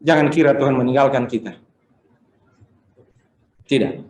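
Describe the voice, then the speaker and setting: Animated preacher in an echoey room. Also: male voice, medium pitch, measured pace. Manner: animated storytelling with acted dialogue. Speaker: pastor. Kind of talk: sermon.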